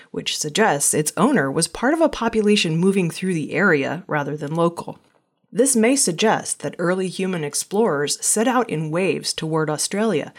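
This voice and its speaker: Reading from a script, a slightly low-voiced woman presents a weekly news round-up in the measured, formal manner of a news reader.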